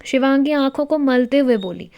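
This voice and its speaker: A woman's voice: sits high, animated, normal speed, muffled recording. A woman narrating a romantic story in a scripted, dramatic storytelling manner.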